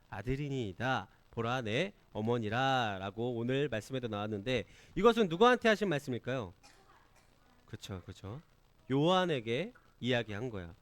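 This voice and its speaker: Male children's preacher, high and lively, asks the kids questions, dry close sound. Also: no echo. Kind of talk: children's sermon. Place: church classroom.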